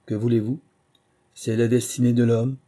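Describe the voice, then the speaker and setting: A man voicing a boastful, jovial middle-aged recruiting officer who talks loudly and coaxingly. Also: mid-range voice, flat delivery, moderate pace, natural voice. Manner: loud, expansive, coaxing.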